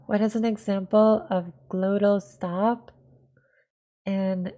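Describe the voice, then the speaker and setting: A woman's voice: medium pitch, steady tone, slow pace, dark tone. A woman from California chatting casually on a live stream, giggly and self-deprecating, repeating words over and over to test how she says them.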